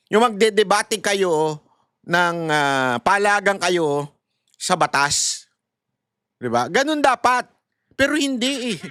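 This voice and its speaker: High-voiced man mocking politicians. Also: a bit bright, no room sound, clean studio sound. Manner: mocking, laughs often, addresses viewers as countrymen; mixes English phrases into talk. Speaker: political commentator. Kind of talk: casual political commentary.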